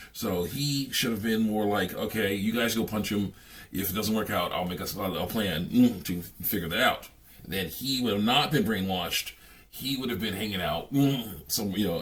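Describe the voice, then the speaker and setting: A lowish-voiced man gives loose, spontaneous commentary reacting to a game. Frequent hums and chuckles punctuate his halting, rambling speech.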